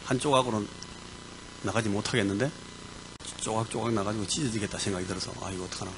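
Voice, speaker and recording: A man preaching as a pastor, telling a personal story with lively sound words and sudden bursts of emphasis. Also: on the low side, fast talker, noisy background. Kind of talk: sermon storytelling. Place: church.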